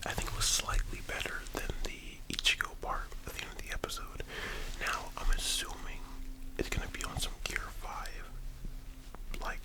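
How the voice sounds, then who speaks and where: A host talking in a soft, unvoiced library whisper, in a casual, rambling ASMR style that sounds like thinking aloud. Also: normal speed, low-quality recording. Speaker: host of an anime and manga discussion.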